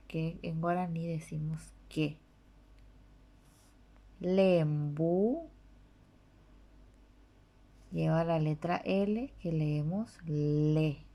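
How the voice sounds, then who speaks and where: A woman teacher works through a lesson, naming letters and sounding out their syllables with careful repetition. Her voice is dark and gravelly, and she speaks at a very unhurried pace with a slightly low pitch. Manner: spells out letters and syllables one by one, repeating each. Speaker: language teacher. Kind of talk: slow read-aloud language lesson.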